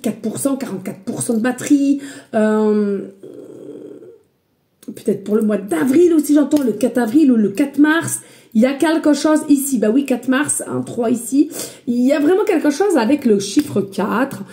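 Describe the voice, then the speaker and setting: A woman with a slight accent gives a casual spiritual reading to her followers, her voice raised and somewhat high. She sounds warm and mellow, pausing often and calling her viewers friends. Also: animated. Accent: a slight accent she mentions. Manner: loud voice, by her own account; chatty, hesitant, addresses viewers as friends. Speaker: psychic medium giving a reading. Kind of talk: casual spiritual guidance vlog.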